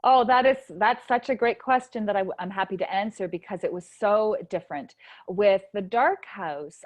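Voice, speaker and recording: A woman's voice: on the low side, darkish tone, no room sound. A woman author talking casually and enthusiastically on a video call, rambling with restarts as she explains her novel. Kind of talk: casual virtual book launch talk.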